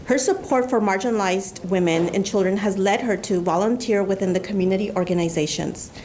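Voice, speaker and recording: A woman's voice: medium pitch, a little fast, a little mellow, a little hiss or hum. A woman presenting an award, reading a formal citation at a podium with the odd stumble. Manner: reads formally, stumbles and laughs at slips. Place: government ceremony room.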